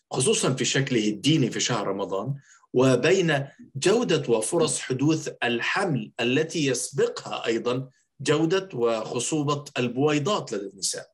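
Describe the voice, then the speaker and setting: A man's voice: mid-range voice, husky. A man hosting an interview, putting long, formal and courteously worded questions to his guest. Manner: formal, wordy, courteous phrasing. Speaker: interviewer, host.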